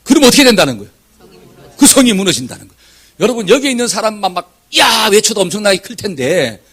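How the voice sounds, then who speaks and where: A man preaches a Sunday sermon in a high, lively voice that swoops across a wide range. His tone is slightly husky and breathy. He keeps asking his congregation questions and breaks into shouted examples. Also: fast talker. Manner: asks the congregation questions and leads scripture reading. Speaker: pastor. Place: church sanctuary.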